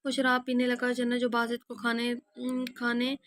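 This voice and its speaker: A woman's voice: on the high side, completely flat delivery, fairly bright tone. A woman narrating a romance audio novel, reading steadily and sometimes correcting herself. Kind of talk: scripted narration.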